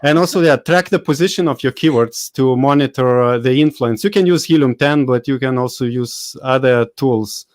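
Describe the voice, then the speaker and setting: A man's voice: medium pitch, moderate pace, hardly any pauses, dry recording. A man with a Lithuanian accent hosting a live webinar, chatty and hesitant, with many fillers and laughs. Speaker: host. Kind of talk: casual live webinar chat.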